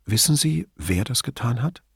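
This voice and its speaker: A man voicing a calm investigator who gently questions a dying woman in a casual tone. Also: medium pitch, moderate pace, creaky, breathy edge, no room sound, studio quality. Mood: gentle, coaxing.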